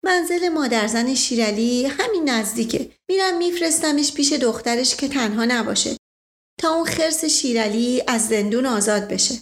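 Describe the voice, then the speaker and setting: A woman's voice: high-pitched, lively intonation. A woman voicing a fiery older noblewoman who talks bluntly and scolds. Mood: scheming.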